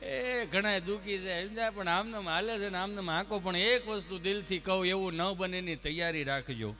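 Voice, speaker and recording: A man performing humorous folk storytelling at an ashram event, animated and jokey, with a preacherly turn. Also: high-pitched, moderate pace, soft background music.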